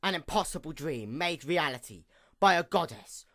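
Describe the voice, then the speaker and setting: A performer gives a theatrical villain monologue as a bitter, vengeful female pony goddess of the night. The grandiose, formal reading is expressive and at normal speed, the mid-pitched voice sweeping widely between fierce outbursts and hushed menace in a bitter, indignant mood.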